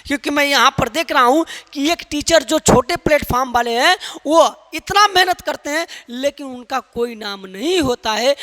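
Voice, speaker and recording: A man's voice: extremely high pitch, bright, forceful tone. A man from Uttar Pradesh teaching an English lesson. He drills pronunciation with repeated questions and calls his listeners brother. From Uttar Pradesh, India. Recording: long hall reverb.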